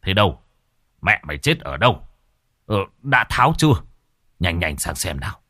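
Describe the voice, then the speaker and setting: A man's voice: low voice, big pitch swings, moderate pace, sharp tone, dry recording, studio quality, exaggerated voice. A man voicing an elderly village elder, giving clipped, bossy orders. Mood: commanding.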